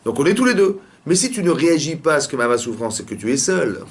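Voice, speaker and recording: A man, a rabbi, teaching a lively religious lesson in a classroom and pressing his students with repeated questions. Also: fairly high pitch, quick pace.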